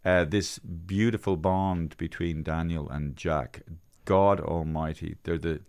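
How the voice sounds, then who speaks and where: A man's voice: low voice, fairly even intonation, slow, darkish tone, no echo. A man hosting a podcast, chatting casually and rambling with frequent restarts and repeated words. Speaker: podcast host. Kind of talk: casual chat.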